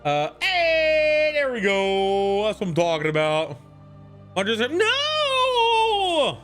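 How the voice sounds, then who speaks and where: A man's voice: high voice, slow, clear, resonant tone, soft background music. A man streaming live, chatting casually and jokily with viewers and greeting them by name. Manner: animated, jokey, greets chat members by name.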